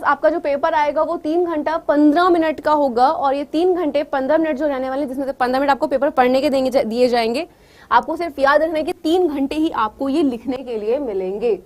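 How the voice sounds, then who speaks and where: Woman teacher, high voice, exam preparation lecture, coaxing, keeps checking understanding, mixes in English words.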